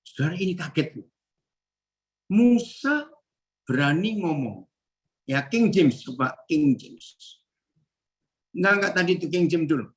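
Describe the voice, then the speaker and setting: A male pastor preaching to a prayer group, reading verses aloud, directing helpers to the slides, and jumping up in pitch for emphasis. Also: fairly bright tone, low-quality recording. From Indonesia. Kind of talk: sermon.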